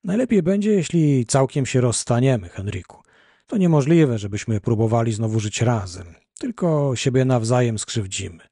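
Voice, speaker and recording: A man's voice: medium pitch, animated, moderate pace, dark tone, no room sound, clean studio sound. A man reading an audiobook, voicing an unhappy, self-reproaching woman who is ending her marriage. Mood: pleading.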